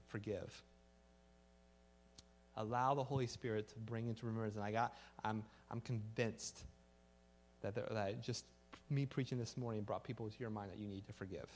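A pastor giving a conversational sermon, acting out everyday exchanges and ending in prayer. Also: male voice, mid-range voice, brisk. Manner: conversational, acts out little dialogues, fillers like "like"; earnest prayer to close.

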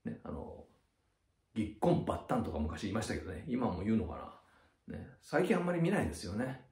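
A man's voice: on the low side, big pitch swings, fairly quick, creaky, a little mellow. A middle-aged man, head teacher of a cram school, explaining English words in a chatty way, often ending phrases with a tag and acting out sound effects. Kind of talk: explaining vocabulary to students. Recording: echoey room.

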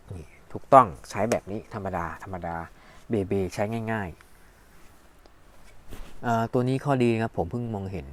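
A lower-pitched man runs a casual hands-on product demo at home. He thinks aloud and narrates each button press, filmed on a phone camera. Faint background noise sits under the voice. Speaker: product reviewer. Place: at home indoors.

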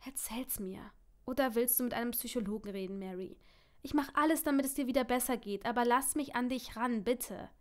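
A worried young boyfriend from an audiobook , read by a woman, talks in a soft, hushed, coaxing way. His voice sits fairly high and stays gentle and caring. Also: brisk, close to an everyday voice. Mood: pleading. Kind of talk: audiobook character reading.

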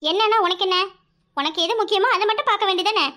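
A high-voiced performer playing a jealous, spiteful young woman who speaks in curt, cutting jabs. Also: quick pace, bright, forceful tone.

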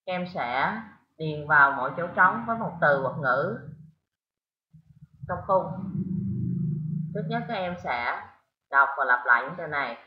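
A woman's voice: sits low, animated, measured pace, long pauses. A woman from Vietnam teaching an English lesson, patiently explaining step by step and mixing in English words. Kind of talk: recorded English lesson for pupils. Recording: roomy, dull lo-fi recording.

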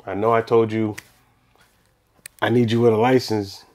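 A man in his thirties, a barbershop owner and guest, telling his story in a relaxed, rambling way with restarts, livelier when he retells scenes, seated in a small podcast studio. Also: lowish voice, moderate pace. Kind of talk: casual interview storytelling.

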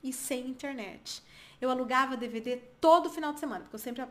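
A bright, high-voiced woman in her thirties with a Brazilian Portuguese accent runs an online English pronunciation lesson. She is lively and chatty and keeps turning to her viewers with quick questions. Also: background noise. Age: 30s. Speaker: English teacher.

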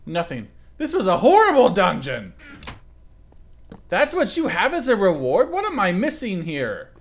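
Slow, sarcastic young man playing games. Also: high voice, huge pitch swings. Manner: sarcastic, talks to game creatures. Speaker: gaming commentator. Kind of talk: let's play commentary.

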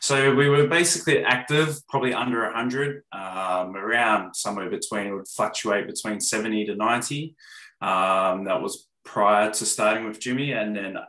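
Guy in his 30s on a video call, kinda low voice, roomy echo, lots of ums. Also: normal speed. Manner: plain, steady, many ums. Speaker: gym owner. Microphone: video call webcam.

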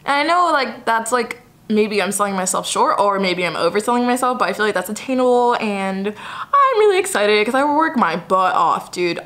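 A woman's voice: mid-range voice, a bit bright. A young woman from Alabama, chatting casually to camera in a college common room, self-deprecating and full of fillers. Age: young adult. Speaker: student vlogger. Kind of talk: casual vlog chat.

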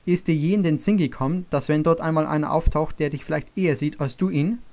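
A man's voice: fairly high pitch, quick pace, darkish tone, lightly acted. Man doing a strict worried dad in an audiobook, firm and bossy. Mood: stern. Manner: firm and commanding. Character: stern, worried father.

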